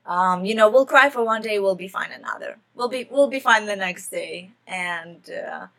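A woman's voice: medium pitch, expressive, moderate pace, vocal fry, fairly bright tone. A young woman from Ukraine hosting a podcast, talking earnestly and casually with lots of fillers. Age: young adult. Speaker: podcast host. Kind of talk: casual personal podcast talk.

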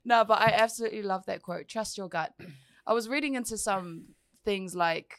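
A woman's voice: medium pitch, normal speed, no echo. A woman hosting a podcast, talking in an upbeat, enthusiastic and casual way. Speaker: podcast host. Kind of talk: casual chat. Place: studio.

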